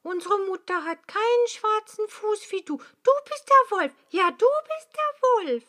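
Woman doing shrill little goat kids. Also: expressive, measured pace, a bit bright, exaggerated voice. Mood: alarmed. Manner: shrill, high chorus of children.

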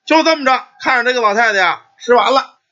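A man telling a ghost folk tale in a lively, chatty style full of asides. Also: very high-pitched, fast. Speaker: storyteller. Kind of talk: oral folk storytelling. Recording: dull lo-fi recording.

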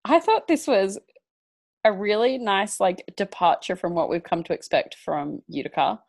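An animated woman chats casually as a podcast co-host, her pitch leaping and swooping as she gets excited. Her voice is close and dry, with no room sound around it, and she laughs often. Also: normal speed, vocal fry, no echo. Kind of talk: casual chat reviewing a TV competition.

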